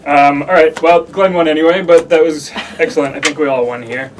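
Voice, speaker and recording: A man's voice: a little high, fairly even intonation, fairly quick, recorded from a distance, background noise. A man hosting a board game show, chatting casually at the table.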